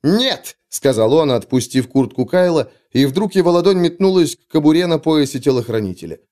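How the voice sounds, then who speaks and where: A man reading an adventure story aloud as narrator, in steady, dramatic storytelling. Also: a little high, a little fast. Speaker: audiobook narrator. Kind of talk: scripted narration.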